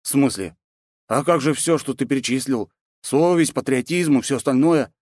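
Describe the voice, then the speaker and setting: A man's voice: medium pitch, moderate pace, darkish tone, no room sound, studio quality, pitched above the performer's own voice, lightly acted. A man reading an audiobook, voicing an easygoing, teasing young man who is a bit touchy. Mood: puzzled. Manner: laid-back, teasing.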